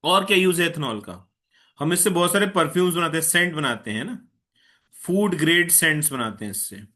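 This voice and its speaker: A man's voice: on the high side, expressive, sharp tone. A man teaching a chemistry class online, mixing Hindi with English and often checking that students follow. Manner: patient, tells an eager student to slow down.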